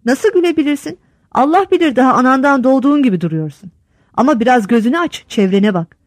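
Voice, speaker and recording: Woman doing an old village headman, blunt, lecturing, folksy sayings, lively pitch, dry sound. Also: fast, dry recording.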